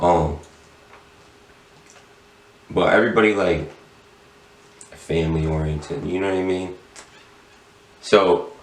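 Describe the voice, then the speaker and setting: A middle-aged man chatting casually as a podcast guest in a laid-back, slangy stoner drawl. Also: deep voice. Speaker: podcast guest, tattoo shop owner. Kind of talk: casual chat. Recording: roomy echo, distant mic.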